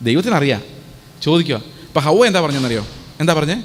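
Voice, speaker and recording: Male preacher, high voice, rhetorical questions to the congregation, long hall echo. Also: lively intonation, fast, a little hiss or hum. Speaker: pastor. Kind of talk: sermon.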